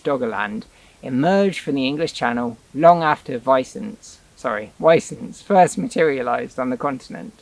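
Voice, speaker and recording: A man's voice: medium pitch, creaky, poor audio. A man presenting a rewilding explainer in scripted narration, with dry, wry asides.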